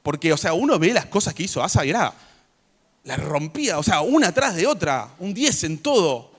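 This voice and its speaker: A man preaching a sermon in church, chatty in tone and rising to loud emphasis when he reads scripture. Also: fairly high pitch, big pitch swings, normal speed, husky.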